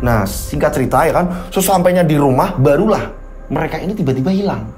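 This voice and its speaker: A storyteller casually narrating a horror tale, with chatty asides and dramatic pauses. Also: male voice, fairly high pitch, lively intonation, darkish tone, faint music behind. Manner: conversational, dramatic pauses, fillers like "ya kan".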